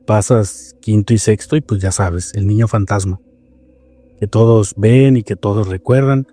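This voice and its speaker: A man with a Mexican accent telling paranormal stories in a casual podcast chat, animated and rambling with many restarts. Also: on the low side, unhurried, faint music behind.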